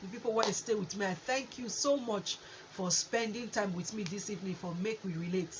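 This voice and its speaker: A woman with a Nigerian accent hosting a conversational advice talk in Nigerian Pidgin, with an animated way of explaining things. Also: medium pitch, fairly quick. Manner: animated, acts out example exchanges. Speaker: host. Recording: muffled lo-fi audio with faint noise.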